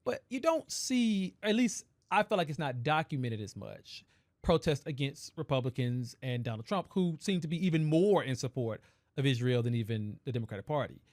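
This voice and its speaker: A man's voice: mid-range voice, expressive, moderate pace, a little mellow, no room sound. Brief: man co-host, mid-range voice, easygoing argumentative talk, dry studio mic. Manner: conversational, hedging, builds long arguments. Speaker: podcast co-host. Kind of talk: casual political chat.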